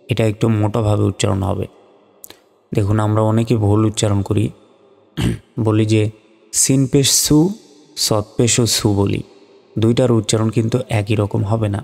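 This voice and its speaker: Slow, deep-voiced male Quran teacher. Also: gravelly, a little mellow, in a large hall. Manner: patient, repeats each sound for the learner. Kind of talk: slow recitation lesson.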